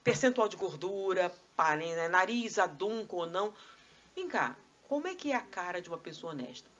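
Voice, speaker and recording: A woman's voice: lowish voice, big pitch swings, moderate pace, fairly bright tone, muffled recording. A woman with a Brazilian accent giving a live spiritist lecture, full of rhetorical questions and conversational asides. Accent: Brazilian Portuguese. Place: spiritist society meeting hall.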